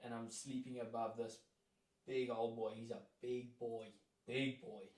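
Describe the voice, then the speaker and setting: A man's voice: medium pitch, little pitch movement, measured pace, a little mellow, slight background noise. A man in his twenties from South Africa, an interview guest telling a story casually, with lots of "like" fillers and acted-out quotes. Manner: rambling, lots of "like" fillers, acts out quoted lines. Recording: roomy echo, mic at a distance.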